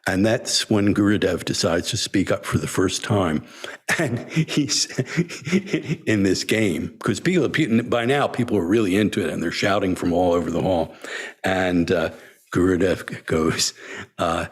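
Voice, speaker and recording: Older man, deep low voice, husky tone, reminiscing storyteller, many fillers, chuckling. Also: measured pace. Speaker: senior disciple telling stories.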